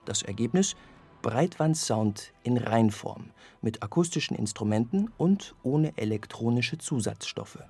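A man reading a scripted radio review of an orchestral album in a measured, evaluative way. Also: mid-range voice, expressive, vocal fry, warm tone, breathy edge, faint music behind. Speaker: music critic.

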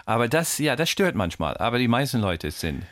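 A man's voice: medium pitch, big pitch swings, fairly quick, fairly bright tone, dry recording, clean studio sound. A middle-aged American man, a comedian speaking German as a second language, telling stories animatedly and acting out voices, with frequent fillers. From United States. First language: English. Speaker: comedian guest. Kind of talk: casual radio interview chat.

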